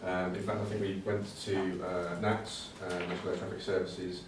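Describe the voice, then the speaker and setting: Speaking at normal speed, a man gives an informal technical talk at a computing conservation event, his low voice staying quite flat. He sounds hesitant and conversational, circling back over words as he explains. Picked up by a distant mic in an indoor venue, the audio is heavily echoey with faint noise.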